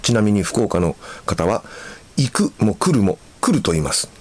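A man hosting a radio show. He reads listener mail and chats in an easygoing way, with soft fillers and pauses. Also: on the low side, big pitch swings. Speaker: radio host.

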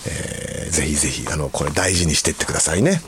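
A man hosting a radio show. He reads listener mail and chats in an easygoing way, with soft fillers and pauses. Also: rumbling low, sing-song, a little hiss or hum. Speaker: radio host.

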